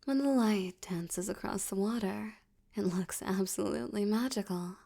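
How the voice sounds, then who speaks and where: A woman playing a flirtatious, domineering mafia boss in an ASMR roleplay, teasing and condescending, with a breathy voice that slips toward whispers. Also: medium pitch, dark tone. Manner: teasing, seductive, condescending, drawn-out delivery.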